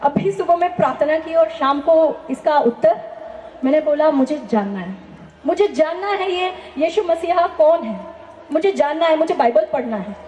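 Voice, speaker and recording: High-voiced woman sharing a church testimony. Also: moderate pace, a little mellow, a little hiss or hum. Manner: earnest storytelling with rhetorical questions. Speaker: testimony speaker. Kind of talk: personal testimony in a church talk. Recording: echoey, dull lo-fi hall recording.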